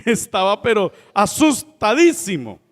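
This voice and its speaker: High-pitched guy preaching, tells stories, does little voices, church reverb. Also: wildly swooping pitch, unhurried. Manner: storytelling with laughs and acted-out voices. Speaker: pastor. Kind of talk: sermon.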